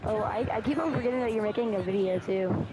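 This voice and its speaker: A man's voice: high voice, fast talker, crowd noise. A teenage boy on a gaming party chat, goofy and trash-talking with nonsense jokes. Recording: roomy voice chat with noise behind.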